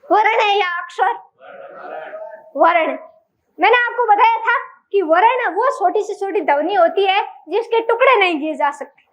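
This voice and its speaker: A woman's voice: very high voice, lively intonation, a little slow. A woman teacher with a Rajasthani Hindi accent, giving a classroom lecture and quizzing her class with question after question.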